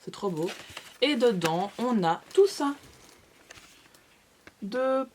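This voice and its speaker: A woman's voice: on the high side, expressive, slow, darkish tone, a little hiss or hum. A young woman vlogger in a casual haul video, chatty and gushing, with playful asides to her viewers. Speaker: beauty vlogger.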